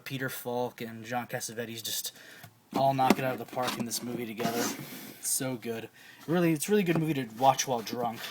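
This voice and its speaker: A man's voice: mid-range voice, background noise. A young man casually recommending films from his own shelf, enthusiastic and profane, often repeating titles. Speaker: film collector reviewing his DVD shelf.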